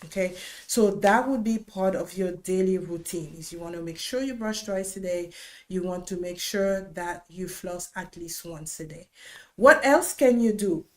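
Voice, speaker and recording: This informal educational livestream features a dentist from the Democratic Republic of Congo with a Congolese accent, talking to viewers conversationally and instructively and stressing key points through repetition. Her voice is fairly low and darkish, at normal speed.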